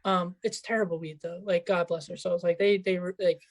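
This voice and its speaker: A man's voice: high-pitched, fairly even intonation, brisk. A young man who grew up in Mexico, chatting as a podcast guest over a video call in a laid-back way, full of likes and ums. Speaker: guest author. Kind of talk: casual chat.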